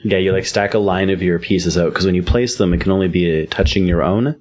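A man's voice: low voice, steady tone, fast talker, darkish tone. A man chatting casually on a podcast as a guest, explaining a board game with dry jokes.

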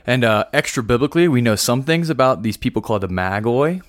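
A man's voice: medium pitch, expressive, quick pace, no room sound, studio quality. A young American man co-hosting a podcast, explaining things loosely in informal, slangy, conversational speech. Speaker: podcast co-host, seminarian. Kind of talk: casual explanatory chat.

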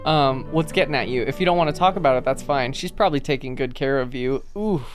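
A woman's voice: extremely low pitch, quick pace, soft background music. A woman co-hosting a podcast, playful and chatty, reading old messages aloud. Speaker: podcast co-host.

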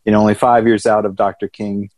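A man's voice: on the low side, little pitch movement, fast talker, a little mellow, no echo. A middle-aged American man from Atlanta chatting as an interview guest in an informal, rambling, folksy way. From Atlanta, Georgia, United States. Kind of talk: casual conversational interview.

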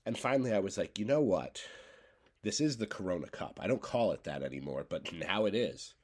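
Low-pitched and slightly rough with a darkish tone, this man in his thirties speaks briskly with lively intonation. Coughing and congested, he hosts a solo podcast from his bedroom at home, drifting along in loose, stream-of-consciousness fashion.

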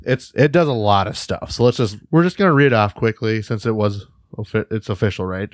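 A man's voice: lowish voice, brisk, no echo, clean studio sound. A man co-hosting a casual podcast chat, joking around and laughing with the others. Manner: jokey, laughs often. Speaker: podcast co-host.

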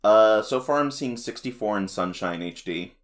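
Rambling podcast co-host, mid pitch. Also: animated, moderate pace. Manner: rambling, many fillers and restarts. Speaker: podcast co-host recapping a cartoon. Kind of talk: casual chat.

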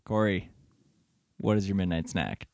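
A man's voice: low voice, measured pace, darkish tone, no echo. A man hosting a podcast in casual chat, joking and laughing often. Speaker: podcast host. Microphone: studio microphone with headphones.

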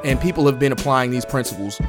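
A man's voice: medium pitch, fast, over music. A man hosting a solo podcast, talking casually and colloquially, straight to his listeners. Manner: colloquial, addresses listeners directly. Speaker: podcast host.

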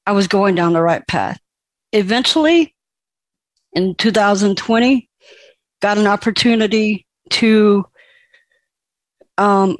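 A woman recounts her own life story in a slow, unhurried way, pausing often and stopping to restart her thoughts. Her voice sits at an ordinary middle pitch and carries emotion without turning theatrical. The recording is dry and close, with no room sound around her. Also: dry recording. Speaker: speaker sharing a personal story. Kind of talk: personal testimony.

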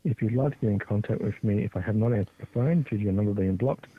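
An Australian man's recorded voicemail greeting, played back from a phone held away from the mic, delivered in a measured, formal way. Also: on the low side, slightly rough. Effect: voicemail greeting played over a phone line, phone held away from the mic. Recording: tinny phone line from a distance.

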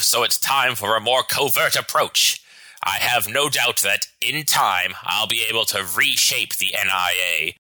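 A man playing a scheming, vain president in a satirical sketch, speaking with slow, pompous, theatrical villain menace. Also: on the low side, pushed and bright, no room sound, poor audio. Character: scheming, vain, power-hungry male American president as villain. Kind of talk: scripted satirical sketch acting.

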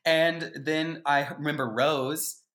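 A man's voice: on the high side, fairly even intonation, slow pace, a bit bright. A man co-hosting a podcast in casual chat, giving his opinions with emphatic swings. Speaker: podcast co-host.

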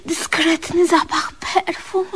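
A woman's voice: extremely high pitch, flat delivery, slow, a bit bright, exaggerated voice. An actress playing a fawning, romantic lady in a comic radio play, gushing and sighing with coy deference to the man she adores. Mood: dreamy, rapturous. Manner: breathy exclamations, sighing, coyly deferential.

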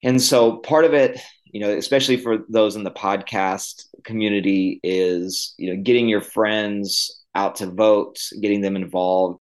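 A millennial man from Illinois in the Midwest, with a fairly low voice and fairly even intonation, is a guest on a podcast interview. He speaks conversationally with lots of "um" and "like," his pace uneven as he speeds up and slows down while thinking.

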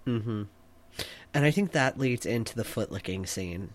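A man's voice: medium pitch, animated, a little slow. A man co-hosting a podcast in casual chat, laid-back, with short agreeing replies. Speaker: podcast co-host.

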